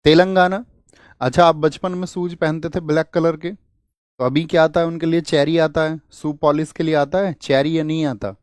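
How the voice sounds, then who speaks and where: A man's voice: a little high, fairly even intonation, moderate pace, a little mellow, no room sound. A young man teaching an online exam-prep class, asking his students questions and answering them himself, repeating key words to make them stick. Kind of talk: online lecture with memory tricks.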